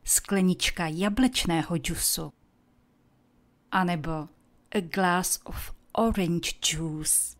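A woman giving a scripted English lesson to Czech speakers, slowly and carefully demonstrating the pronunciation of each word. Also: lowish voice. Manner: Czech-speaking teacher pronouncing English words. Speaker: English teacher.

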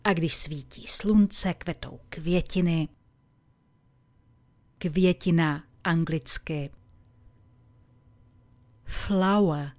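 Lady doing an english lesson, lowish voice, super dry recording, says examples slow and careful. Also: warm tone, no room sound. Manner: didactic, deliberate enunciation of examples. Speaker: English teacher. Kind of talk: scripted language lesson with slowly repeated example words.

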